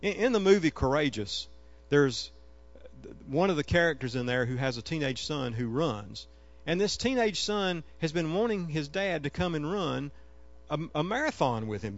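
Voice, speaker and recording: A man preaching a sermon, telling a personal story earnestly, rising to emphatic peaks and dropping to soft, hushed tones. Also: fairly high pitch, muffled recording. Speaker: pastor.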